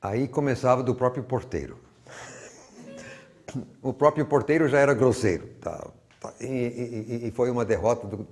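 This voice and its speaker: At normal speed and with frequent pauses, an older man from Brazil teaches in a medium-pitched, darkish voice marked by a Brazilian Portuguese accent. As a Bible teacher, he gives a rambling, chatty talk filled with stories from his own life.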